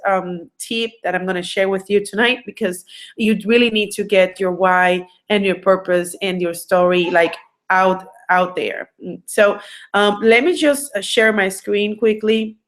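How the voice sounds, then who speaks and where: A recruiting coach from Puerto Rico, whose first language is Spanish, leads an online recruiting training in a Puerto Rican Spanish accent. She's earnest, with many fillers and restarts, and her voice is mid-range.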